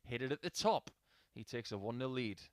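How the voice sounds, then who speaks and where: A man's voice: medium pitch, lively intonation, brisk, dry recording. A man giving live darts commentary in a chatty, anecdotal way, mixing statistics with personal asides.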